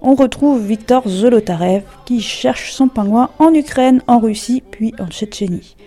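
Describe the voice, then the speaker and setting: A woman presenting a scripted radio book column in a measured, wry manner. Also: fairly high pitch, dark tone.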